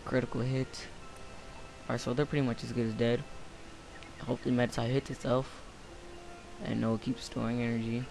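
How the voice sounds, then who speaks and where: Tired young man, gravelly flat voice. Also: medium pitch, brisk, long pauses, background noise. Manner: rambling, offhand, many fillers. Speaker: gameplay commentator. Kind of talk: casual let's-play commentary. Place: home room, late night.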